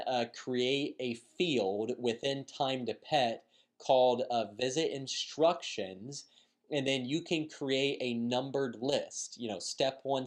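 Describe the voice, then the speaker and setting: Man, vlog host, nasal and congested from a cold, casual and chatty with filler words. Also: mid-range voice. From Florida, United States. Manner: relaxed, conversational with frequent filler words. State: sick, congested. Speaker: pet care business owner and channel host. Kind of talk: casual talking-head vlog.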